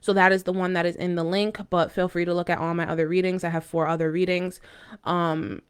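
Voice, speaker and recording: Woman giving a mystical horoscope reading, clear voice. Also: on the low side, flat delivery. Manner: halting, informal, intuitive asides. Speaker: tarot and horoscope reader. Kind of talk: casual mystical horoscope and tarot card reading to viewers.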